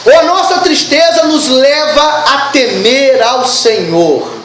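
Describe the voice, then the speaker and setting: A woman preaching a sermon at a church service, animated and asking the congregation questions. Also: high voice, takes it slowly, reverberant, a little hiss or hum, poor audio.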